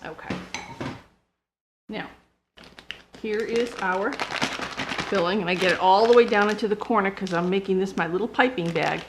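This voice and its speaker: Here the older home baker talks at a normal speed with a medium pitch, pausing often as she explains her kitchen cooking demo one step at a time. Her tone is chatty and homespun, and the audio is noisy and clicky.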